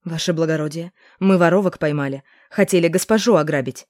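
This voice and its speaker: A woman voicing a gruff male city guard from a storybook, speaking through the nose and barking orders. His voice comes out loud and blustering. The recording is close and dry. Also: sits low, fairly quick, dry recording, close to an everyday voice. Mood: flustered. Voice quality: nasal.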